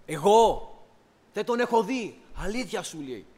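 A preacher acting out a remorseful Peter. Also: male voice, high-pitched, lively intonation, a little mellow, voice pushed up. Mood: denying. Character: impulsive apostle Peter, remorseful man.

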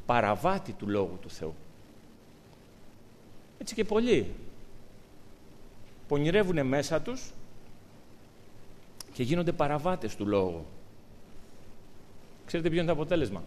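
Guy preaching a sermon, kinda high voice, swings up and down a lot, big echoey church hall. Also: a little hiss or hum. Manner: animated, rising to emphatic peaks. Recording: long hall reverb.

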